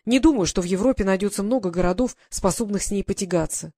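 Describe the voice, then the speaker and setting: A woman reading an audiobook, voicing a calm young male guard sergeant reassuring his mother in a steady way. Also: medium pitch, fast talker, natural voice.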